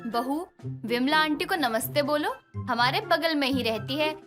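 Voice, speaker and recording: A woman voicing a quiet, worried middle-aged mother-in-law who scolds gently. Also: high-pitched, expressive, unhurried. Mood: fretful. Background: background music.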